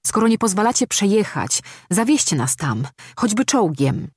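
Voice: medium pitch, very animated, normal speed, husky, no echo, studio quality, pitched above the performer's own voice. The narrator voicing a desperate middle-aged man pushing his way past soldiers to get his father-in-law to a hospital, with urgent, defiant speech.

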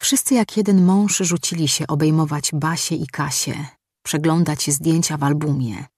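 A woman narrates a novel in a calm, steady audiobook reading. Her voice is husky and slightly breathy, recorded close and dry with no room echo. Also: sits low. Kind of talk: scripted narration.

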